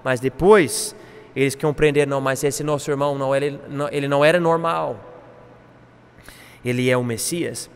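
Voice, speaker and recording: A man teaching a Bible class, animated, acting out quoted speech. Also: medium pitch, moderate pace, smooth, big-room sound. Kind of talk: classroom lecture.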